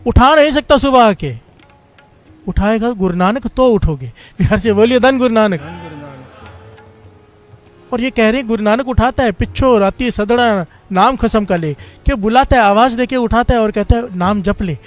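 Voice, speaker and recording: A man with a high-pitched voice delivers a devotional Sikh sermon. He tells his story earnestly and keeps urging the congregation to call out praise. Faint devotional music plays softly behind him. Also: animated. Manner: earnest storytelling, quotes scripture in a slow chant. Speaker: Sikh preacher giving katha.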